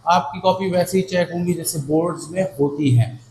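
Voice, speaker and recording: In an echoey room with a faint background hum, a high-pitched man with a steady tone teaches a Hindi-medium English exam-prep lesson. He is affectionate and encouraging, calling his students children and "beta," checking in often with "theek hai na," and slowing right down to spell out English phrases and word meanings.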